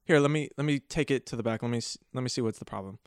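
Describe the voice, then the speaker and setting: A man doing a brisk female store worker. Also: medium pitch, clean tone, dry recording, studio quality, lightly acted. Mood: matter-of-fact.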